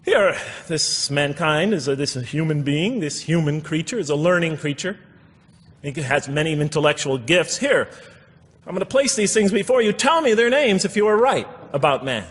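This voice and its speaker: A religious lecturer explains scripture in a public talk, speaking emphatically and repeating phrases for stress. His voice is a little high, animated and husky, at a moderate pace. The large hall is echoey, with long reverb.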